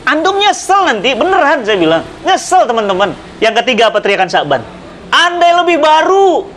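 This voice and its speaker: A middle-aged man preaching in conversation, telling religious stories with dramatic swings in pitch and loudness and speaking straight to his listener. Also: very animated, fast talker, a little hiss or hum. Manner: addresses listener directly, persuasive. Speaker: Islamic preacher. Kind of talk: animated religious storytelling in conversation.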